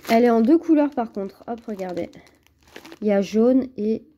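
Sitting at her table at home and nursing a cold, a woman opens a craft kit on camera, talking in a relaxed but halting way, full of restarts and filler words. The lo-fi recording carries a fairly high yet dark-toned voice at a moderate pace.

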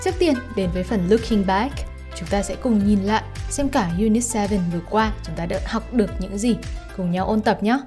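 A woman teacher and native Vietnamese speaker walks her students through a lesson at an easy middle pitch. She keeps asking little tag questions to check that they follow. A faint bed of music runs under her voice. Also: a little fast. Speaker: English teacher. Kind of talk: video lesson explaining exercises.

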